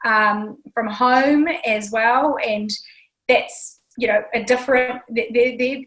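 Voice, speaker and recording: A woman's voice: on the high side, fairly bright tone, poor audio. A woman hosting a casual interview chat, talking freely with many ums and restarts. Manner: chatty, lots of ums and restarts. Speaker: talk show host.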